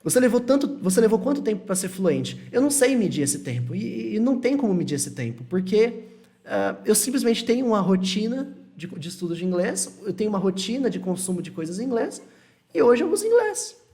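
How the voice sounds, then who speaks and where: A man's voice: high-pitched, brisk. Brazilian man teaching live, reassuring. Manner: reassuring, repetitive, animated. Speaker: English teacher. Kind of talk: live-stream lesson reading chat questions.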